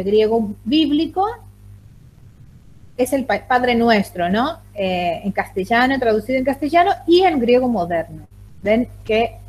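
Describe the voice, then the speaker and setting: Greek lady teaching online, talks slow, lots of ehs and restarts, video call. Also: a little high, darkish tone. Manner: hesitant, many fillers and restarts. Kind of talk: online lecture with Q&A.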